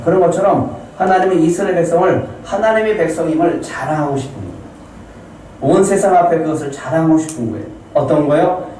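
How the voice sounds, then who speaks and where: A man's voice: a little high, dark tone. A man preaching a fervent Sunday sermon as pastor, often tossing "예" to his congregation. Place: church sanctuary. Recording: roomy distant church recording with faint noise.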